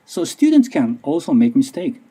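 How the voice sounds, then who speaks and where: His slightly high voice swings hugely in pitch, dark and a little rough, at a moderate pace. A middle-aged university lecturer from Japan, he gives a conference presentation in English as a second language with a Japanese accent. He speaks carefully and a bit nervously, often restarting.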